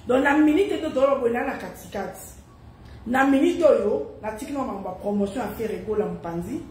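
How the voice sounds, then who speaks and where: A woman talking casually to her viewers in an animated, exclaiming way. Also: on the high side, distant mic. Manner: animated, exclaiming, switching between two languages. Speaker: online commentator. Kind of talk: casual monologue to camera. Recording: roomy sound with faint background noise.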